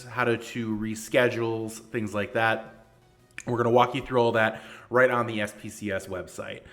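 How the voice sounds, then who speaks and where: An echoey room surrounds this man's slightly low voice. He hosts a livestream in a casual, informal way, addressing viewers directly and feeling his way through explanations with some hesitation. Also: fairly bright tone. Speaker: host of a gaming league livestream. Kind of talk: casual livestream hosting and walkthrough. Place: newly moved-into home or office room, indoors. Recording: echoey, roomy untreated office.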